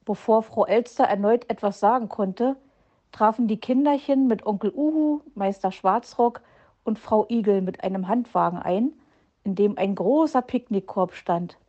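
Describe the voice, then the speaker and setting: A woman narrating a children's audiobook in a calm storytelling manner. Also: medium pitch, moderate pace, highs cut off.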